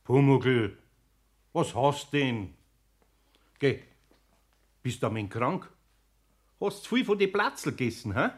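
A gruff, older Bavarian carpenter in a radio play. He grumbles and presses with questions, his voice rising and falling in lively swings. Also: medium pitch, slow, pauses often. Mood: suspicious. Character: gruff older master carpenter, patient but suspicious.

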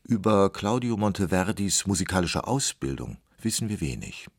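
A man reading a scripted radio documentary in a measured, explanatory manner. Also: low-pitched, big pitch swings, vocal fry, slightly rough, no room sound, clean studio sound. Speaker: documentary narrator.

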